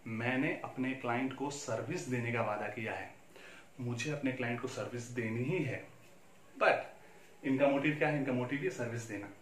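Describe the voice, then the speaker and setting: Indian male lecturer, mid pitch, rhetorical questioning style; echoey room with faint ambience. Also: slight background noise. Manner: rhetorical questions, mixing Hindi and English. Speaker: commerce teacher. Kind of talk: classroom lecture.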